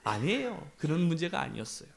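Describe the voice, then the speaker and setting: A male pastor delivering a sermon with a high, bright-sounding voice that swings widely up and down. He talks to the congregation in a chatty, animated way and drops in joking, self-deprecating asides. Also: fast, gravelly.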